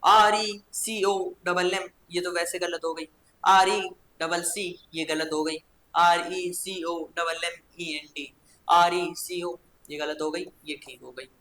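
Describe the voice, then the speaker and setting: A teacher in an echoey room, slowly spelling out words one letter at a time. The voice is bright and clear, with frequent coaxing check-ins to the children. It is a patient, repetitive classroom delivery. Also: medium pitch, fairly even intonation, a little hiss or hum. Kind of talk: spelling lesson for schoolchildren.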